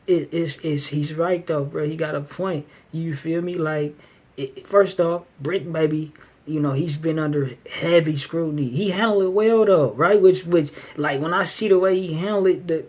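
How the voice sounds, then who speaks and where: A man's voice: on the high side, a bit bright, slightly rough. A man hosting a casual commentary channel, talking loosely in street slang about an ongoing case. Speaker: show host.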